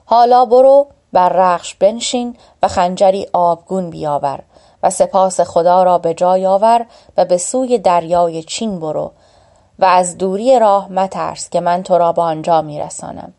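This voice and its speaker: A woman's voice: fairly low pitch, dark tone, natural voice. A woman reading the lines of a wise mythical giant bird in a storybook tale, in a solemn, instructive way.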